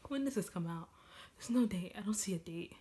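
Hosting a reaction video from a small room at home, a woman in her twenties chats with excited, gushing energy in a medium-pitched voice. Her speech is halting and heavily reliant on "like," and the home recording is clearly noisy.

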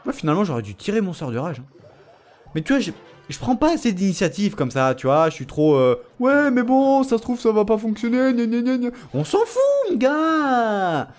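A man's voice: high-pitched, big pitch swings, fairly quick, darkish tone. A young man commenting casually on his own gameplay, joking and teasing the viewer and his opponent. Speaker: gaming YouTuber. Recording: faint background noise.

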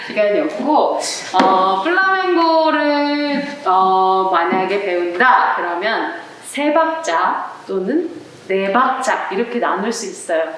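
A woman's voice: mid-range voice, far from the mic. A woman teaching a flamenco rhythm class to viewers, talking in a friendly way and counting beats aloud while seated indoors. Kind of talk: online arts class lesson. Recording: very echoey room, voice off-mic.

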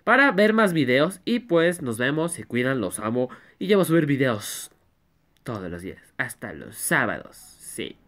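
A man with a Mexican accent doing a goofy vlog in his bedroom, excitable and silly, often bursting into loud yelps as he talks into a phone. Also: mid-range voice, normal speed. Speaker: YouTuber.

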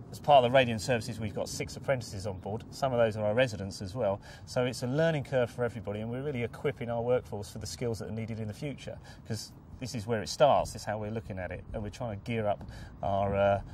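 A brisk, upbeat man with an English accent rattles through his points quickly. His voice sits a little low and is picked up from some distance outdoors. A faint rumble of traffic hums behind. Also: a little mellow. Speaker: contractor manager. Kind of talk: documentary interview.

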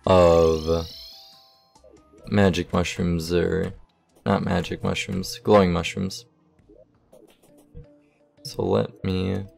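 A young man giving relaxed, casual commentary over his game, thinking aloud as he sorts items, with the hiccups. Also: low voice, vocal fry. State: has the hiccups. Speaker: gaming YouTuber.

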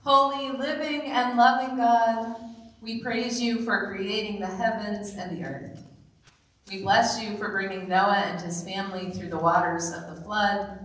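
A woman's voice: medium pitch, fairly even intonation, a bit bright, far from the mic. Woman chanting liturgy in cathedral echo. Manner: chants the liturgy in a slow, sustained line. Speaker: presiding minister. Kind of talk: leading a church liturgy, spoken and chanted. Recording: very echoey church, faint music behind.

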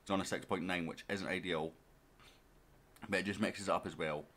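A man with a low, deep voice commentates a management game in an easy let's-play style. He chats directly to his audience and to the players on screen in a relaxed, conversational way. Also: brisk, slight background noise. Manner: chatty, talks straight to viewers and to his players. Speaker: gaming YouTuber.

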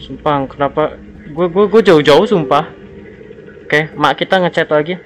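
A man talks through a horror game in a slightly high voice, reading the on-screen text aloud. He sounds jumpy and nervous throughout. A faint hiss sits under the recording. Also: unhurried. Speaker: gaming channel host. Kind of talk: horror let's-play commentary.

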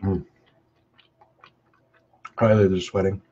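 A slow, husky, dark-toned male voice with a level tone. He's a hot sauce vlogger from Canada eating spicy pizza live on webcam, sweating from the peppers and humming and chewing between short remarks. The audio, from a webcam mic, is dull and low-fi with faint noise.

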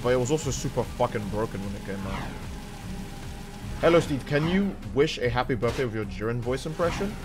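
A man streaming a video game, rambling casually, swearing and reacting loudly to what happens on screen. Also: mid-range voice, expressive, brisk, over music. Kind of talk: casual gaming stream chat.

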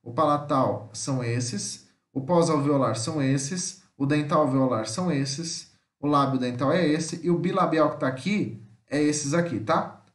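A language teacher with a Brazilian Portuguese accent gives an informal lesson, reading his slides aloud in a fairly high voice before explaining them. His delivery is halting and repetitive, full of tag questions checking that listeners follow. The voice-over is roomy and echoes noticeably.

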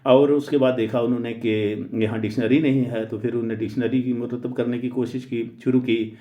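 A man teaching in a deliberate lecture, pausing often on "uh" and mixing English phrases into his speech. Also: mid-range voice, flat delivery, mellow. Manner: deliberate, hesitant with frequent "uh" fillers. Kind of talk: explanatory lecture. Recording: roomy, dull lo-fi recording.

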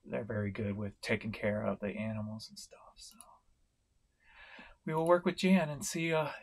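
A middle-aged man from St. Louis, Missouri, records a casual vlog update about his online reselling from a room in his home. His voice is lowish and creaky, and he talks slowly and ramblingly, with lots of fillers and restarts.

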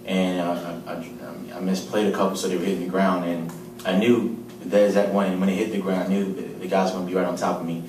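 Man, deep voice, flat delivery, press conference, roomy echo. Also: fast talker, hardly any pauses, a little hiss or hum. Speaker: football player at a postgame press conference. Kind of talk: postgame press conference answers. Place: large press room. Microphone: table mic, heard from a distance. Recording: roomy, distant press room audio.

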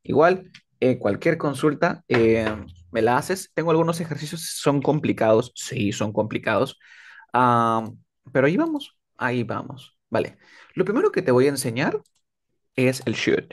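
Male tutor, video-call lesson, patient, drills each word slowly and repeats it. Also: mid-range voice, sing-song. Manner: patient, repeats words slowly to model pronunciation. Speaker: English tutor. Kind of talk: one-on-one online English lesson.

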